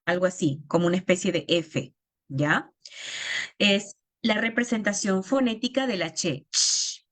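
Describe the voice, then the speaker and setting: A woman giving a phonetics lesson, explaining sounds step by step and often checking in with her listeners. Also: mid-range voice. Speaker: language therapy teacher.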